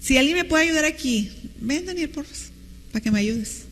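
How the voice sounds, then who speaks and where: A woman's voice: high-pitched, expressive, moderate pace, fairly bright tone, long reverb tail, slight background noise. A woman pastor with a Mexican Spanish accent, preaching a teacherly sermon and asking the congregation questions. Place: church hall with long reverb.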